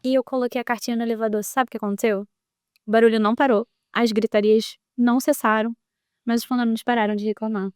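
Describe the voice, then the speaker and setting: Smooth-voiced woman telling a lively story. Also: fairly high pitch, quick pace, no echo, clean studio sound. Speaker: building manager guest. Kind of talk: podcast interview storytelling.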